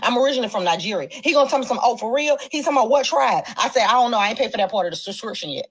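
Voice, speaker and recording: A woman telling a comic story in a rapid, high-energy delivery, from a played clip. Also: lively intonation, slightly rough. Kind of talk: stand-up style storytelling clip.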